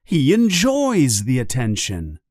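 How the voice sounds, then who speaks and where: Very slow, expressive male storyteller. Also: mid-range voice, no room sound, clean studio sound. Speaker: narrator.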